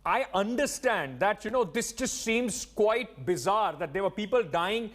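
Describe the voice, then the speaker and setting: A man's voice: sits high, lively intonation, measured pace, a bit bright. A man with an Indian accent anchoring a live TV debate, pressing his questions insistently and cutting in. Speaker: news anchor and debate moderator.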